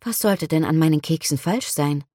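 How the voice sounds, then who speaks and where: A woman reading an audiobook, voicing a cheerful young woman who bakes cookies, lifting her voice to sound bright and eager. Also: low voice, moderate pace, no echo, studio quality. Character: cheerful young petite blonde woman baker.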